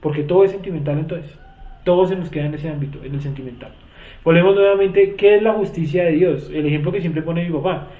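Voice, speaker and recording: A man's voice: fairly high pitch, quick pace. A man teaching a Bible study class, explaining word meanings and often putting questions to his students. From Colombia. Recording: echoey room, tinny phone-like sound.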